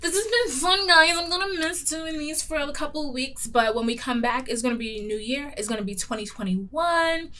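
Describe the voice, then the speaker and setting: A woman's voice: high-pitched, normal speed, hardly any pauses, pushed and bright. A young adult woman hosting a casual book review vlog, talking candidly with lots of ums and the odd playful swear word. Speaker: book reviewer and show host.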